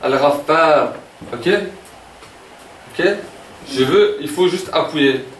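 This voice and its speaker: A man's voice: on the high side, slow, a little hiss or hum. Man teaching in an echoey classroom. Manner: repeats words and asks "ok?" often. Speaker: Arabic teacher. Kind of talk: classroom lesson. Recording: echoey room, voice from a distance.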